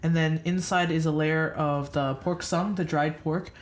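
A woman's voice: low voice, steady tone, a little slow, slight background noise. A woman co-hosting a podcast, chatting casually into a microphone with playful teasing. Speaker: podcast co-host. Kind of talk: casual chat. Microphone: studio microphone.

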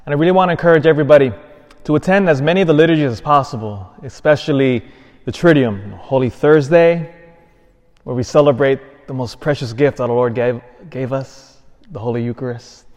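A man preaching a sermon as a priest, earnest, rising to emphatic peaks and falling soft and quiet. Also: medium pitch, a little fast. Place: large church. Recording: long church reverb.

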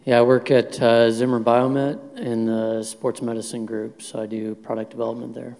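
A man's voice: mid-range voice, level tone, moderate pace, a little mellow. A man from Indiana answering interview questions in an easygoing, hesitant way. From Indiana, USA. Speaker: interview guest, engineer. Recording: reverberant hall.

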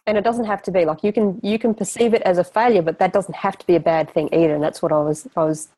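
A woman co-hosting a podcast in a casual chat, encouraging and reflective, slowing down to stress key words. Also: on the low side, fairly even intonation, dark tone, no echo. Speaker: podcast co-host.

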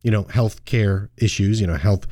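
Relaxed middle-aged man, low and warm. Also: moderate pace, no echo, studio quality. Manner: relaxed, chatty, restarts and laughs often. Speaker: financial advisor and show host. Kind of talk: casual radio show chat.

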